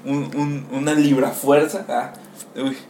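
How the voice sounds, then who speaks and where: A young man with a Mexican Spanish accent telling a crude story in casual chat, animated and acting out voices. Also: medium pitch, takes it slowly. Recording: faint background noise.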